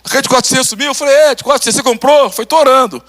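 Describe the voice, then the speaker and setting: A man's voice: very high voice, very fast. A Brazilian pastor preaching a testimony sermon, acting out conversations and laughing as he tells it. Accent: Brazilian Portuguese. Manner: animated, acts out dialogue, laughs.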